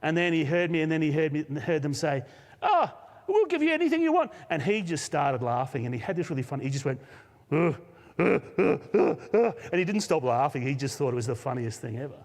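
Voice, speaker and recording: A man with an Australian accent, a senior pastor, telling a personal story in a live sermon with lively laughs. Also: on the high side, quick pace. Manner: animated storyteller, laughs often. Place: church auditorium, live service. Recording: long hall reverb.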